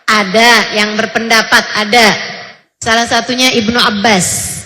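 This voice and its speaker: A woman in her forties from Indonesia, preaching a sermon with animated storytelling and direct address to her listeners. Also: on the high side, measured pace, slight background noise. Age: 40s. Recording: echoey hall.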